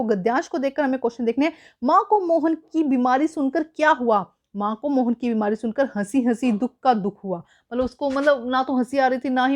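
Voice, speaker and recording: A woman teacher walks students through a school worksheet, patient and explanatory, slipping English words into her talk. Her voice is high.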